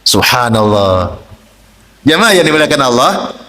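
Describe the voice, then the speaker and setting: A man preaching a sermon, moving between soft quiet asides and loud calls, and chanting verses slowly. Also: mid-range voice, sing-song, reverberant, in a large hall.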